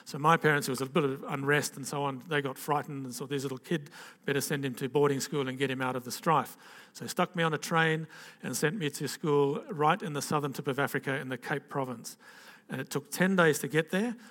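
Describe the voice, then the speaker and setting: In a big-sounding room, an older man with a fairly high, fairly bright voice addresses a gathering with his personal testimony. Originally from Zambia and Zimbabwe, he talks in a rambling, conversational style, with restarts and plenty of "okay?" asides.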